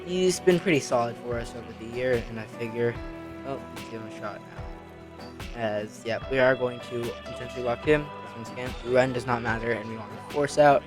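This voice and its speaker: A man giving excitable let's-play commentary on a baseball video game, talking back at the game and pleading with players. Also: medium pitch. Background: background music.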